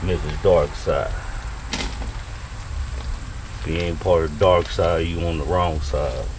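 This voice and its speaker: A home cook vlogger grills outdoors beside a house, talking casually to viewers in a laid-back drawl. His deep voice is slow with fairly even intonation, and a camera mounted above the grill captures noisy outdoor audio.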